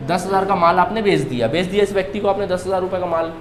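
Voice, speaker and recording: A man's voice: sits high, quick pace, echoey room, a little hiss or hum. A male accountancy teacher giving a classroom lecture, firing questions at students and answering them himself, repeating key terms.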